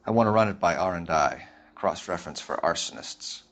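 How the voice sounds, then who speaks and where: A man's voice: low voice, a little fast, a bit bright. A man playing a stern, methodical 1940s police detective in a video game, formal and clipped. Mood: businesslike.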